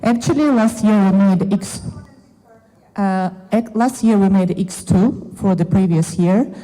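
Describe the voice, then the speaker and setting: A woman with a Russian accent asking a panel a long question from the audience, halting and searching for words. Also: medium pitch, dark tone. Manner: hesitant, halting non-native phrasing. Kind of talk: question from the floor. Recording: echoey event hall.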